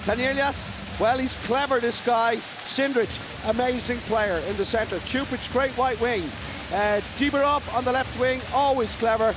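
A man giving live handball commentary in short, emphatic, excitable phrases. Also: very high-pitched, measured pace, over music, low-quality recording. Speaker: sports commentator. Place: large indoor sports arena with crowd.

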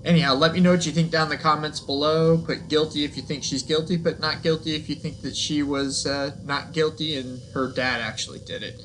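Bright-voiced man hosting a video. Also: a little high, steady tone, brisk, few pauses, a little hiss or hum, rough recording. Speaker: video host. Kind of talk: casual scripted-style video introduction.

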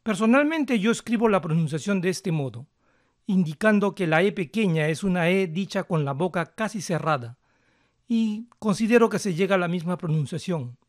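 High-voiced man teaching pronunciation. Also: no room sound, studio quality. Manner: calm, methodical, slows down to model words. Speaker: language teacher. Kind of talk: explaining English pronunciation to learners.

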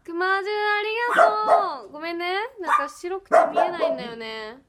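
A woman's voice: extremely high pitch, very animated, normal speed, crowd noise. A young woman hosting a casual livestream, bubbly, thanking viewers and rattling off rankings. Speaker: livestream host. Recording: loud background noise.

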